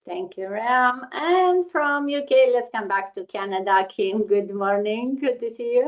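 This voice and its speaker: A woman hosting a live stream, upbeat and halting with many restarts. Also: on the high side. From Romania. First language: Romanian. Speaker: host of a business live stream. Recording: muffled lo-fi stream audio.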